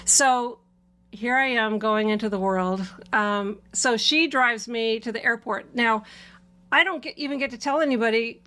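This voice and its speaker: A woman's voice: fairly high pitch, fairly bright tone. A middle-aged woman from Washington State, hosting and chatting casually about her past with frequent laughs and fillers. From Washington State, USA. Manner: chatty, laughs while telling the story, many fillers. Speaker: channel host. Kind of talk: casual conversational storytelling.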